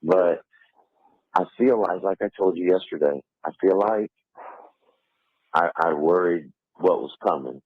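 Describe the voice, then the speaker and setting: A middle-aged man talking to his son on a prison phone call, halting and full of "you know". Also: sits low, slightly rough, dry recording. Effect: prison phone call line. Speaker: father on a jail call. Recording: tinny phone line, dry.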